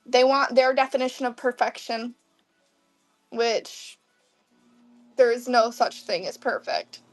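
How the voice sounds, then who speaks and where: High-voiced woman in her twenties, unhurried. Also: fairly even intonation, soft background music. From Midwest USA. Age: 20s. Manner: chatty, answers viewers' comments. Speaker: live online seller. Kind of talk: casual livestream chat.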